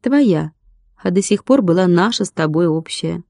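A woman's voice: lowish voice, animated, moderate pace, vocal fry, warm tone, no room sound, clean studio sound. A woman voicing a sensible young girl who teases a little and talks down to her friend. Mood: thoughtful. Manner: teasing, a little condescending.

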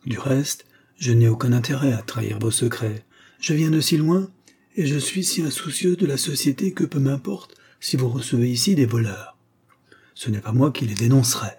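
A man's voice: medium pitch, moderate pace, a little mellow, slightly rough. A man reading an audiobook, voicing a poised young woman traveler who speaks with cool, amused assurance.

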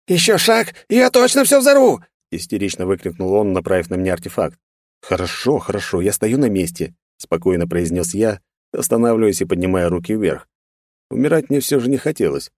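A man narrating a first-person fantasy story in a calm, measured way. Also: low voice, no echo, studio quality. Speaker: audiobook narrator.

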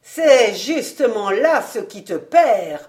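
A woman voicing a stern old male outlaw chief, calmly menacing, speaking loud, slow and deliberate, in an audiobook. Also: on the high side. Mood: mocking.

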